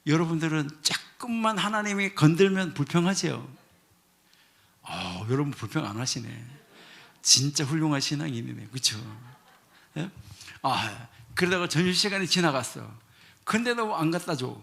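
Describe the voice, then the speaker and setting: A man's voice: fairly high pitch, normal speed, vocal fry. A middle-aged man preaching a sermon, telling a parable with acted-out dialogue and questions to the congregation. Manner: animated, acts out dialogue, asks congregation questions. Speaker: professor preaching. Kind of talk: sermon with storytelling.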